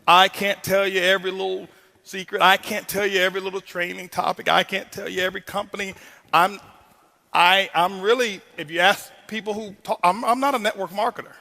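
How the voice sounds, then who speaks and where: Man, motivational stage talk, bright tone, animated, teasing audience, reverberant hall. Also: high-pitched, gravelly. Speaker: motivational speaker. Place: large hall before a live audience.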